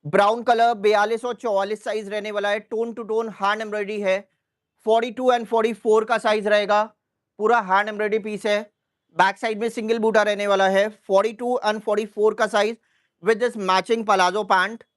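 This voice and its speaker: Brief: high-pitched male seller on a live sale stream, repetitive price-and-size patter. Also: flat delivery, fairly bright tone. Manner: repeats sizes and prices in a brisk listing rhythm.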